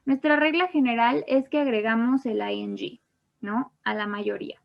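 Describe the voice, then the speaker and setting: A woman's voice: a little high, fairly even intonation, normal speed, creaky. A woman teaching an online English grammar class, explaining each rule in English and then again in Spanish. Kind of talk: bilingual online grammar lesson. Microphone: online class computer mic. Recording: dull lo-fi online class audio.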